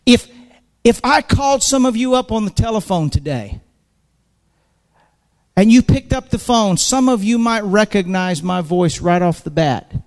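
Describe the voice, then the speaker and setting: A man's voice: high-pitched, expressive, unhurried, darkish tone, big-room sound. A man preaching a sermon in a church, impassioned, repeating phrases and building emphasis. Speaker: pastor. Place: church sanctuary.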